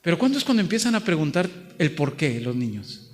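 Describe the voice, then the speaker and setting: A man's voice: fairly high pitch, big pitch swings, fairly quick. A man with a northern Mexican accent preaching a sermon as pastor, building to emphatic repeated phrases and acting out voices in the story. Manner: preaches with rising emphatic repetition, acts out dialogue. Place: large church hall. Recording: long church hall reverb.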